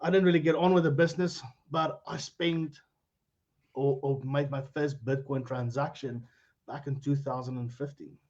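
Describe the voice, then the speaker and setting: A middle-aged man with a South African accent, a cryptocurrency educator, chats as a guest on a live-streamed interview over a lo-fi video call. His medium-pitched, darkish voice holds a steady tone at a moderate pace. He rambles amiably and breaks into laughter easily.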